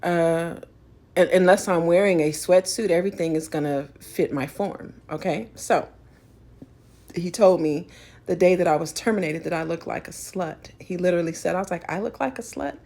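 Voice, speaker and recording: A woman's voice: on the low side, steady tone, normal speed, a little mellow. A woman vlogger delivering a spiritual rant, emphatic and preachy, rambling with frequent restarts.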